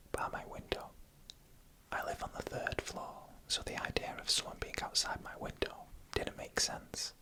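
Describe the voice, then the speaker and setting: Whispering without voicing, this narrator and channel host tells stories ASMR-style. Each short phrase comes out breathy, quiet, and carefully paced.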